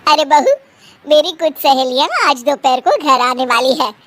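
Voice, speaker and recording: A woman voicing a middle-aged mother-in-law who is kind but quickly annoyed and scolds often, for a cartoon story. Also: high-pitched, fairly even intonation, fairly bright tone, voice pushed down. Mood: scolding. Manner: scolding, exclamatory.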